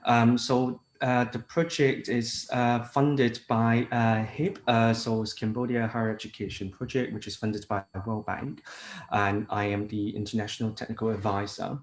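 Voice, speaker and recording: A Hong Kong man who serves as an international technical advisor gives a conference presentation, sounding hesitant with frequent fillers and restarts. His mid-range voice is flat and moves at a normal speed in a roomy-sounding space.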